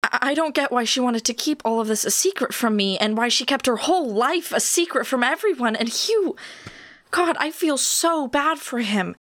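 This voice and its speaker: A woman playing Ivory, a raw and volatile grieving young woman who speaks in halting, stammering bursts in an audio drama. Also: high-pitched, animated, fairly bright tone, no echo, studio quality. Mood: anguished.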